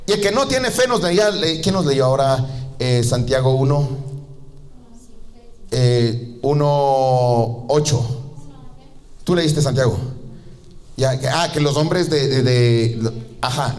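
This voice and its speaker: Animated preacher with big pitch swings. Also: male voice. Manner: animated storytelling, acting out voices with big pitch jumps. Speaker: pastor. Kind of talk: sermon.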